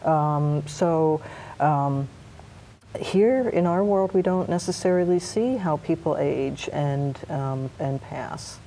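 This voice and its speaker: A middle-aged woman speaks as a hospice nurse being interviewed. Her voice is low and warm, with soft, halting phrasing that searches for words. A faint noise sits behind her in the studio recording. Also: low-quality recording. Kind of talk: interview answers. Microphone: lapel mic.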